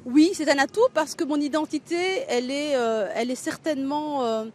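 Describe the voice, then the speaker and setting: A middle-aged woman from Belgium answers an interviewer's questions. Her voice sits a little high, and she often hesitates and restarts her sentences as she thinks. A faint hiss of noise runs underneath. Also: moderate pace, a little mellow. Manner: thoughtful, many hesitations and restarts. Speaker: writer and local election candidate.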